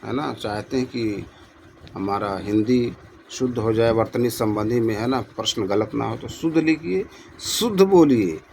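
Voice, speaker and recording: A man's voice: mid-range voice, moderate pace, vocal fry, a little mellow, slight background noise. A man tutoring for Hindi exams, reading out quiz questions and repeating each answer to his students.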